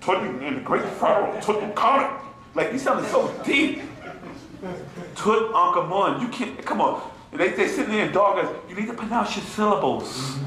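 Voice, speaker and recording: A man teaching an informal class to a small audience. He talks in an animated, mocking way and keeps asking his listeners "you feel me?". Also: high-pitched. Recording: echoey room with faint ambient noise.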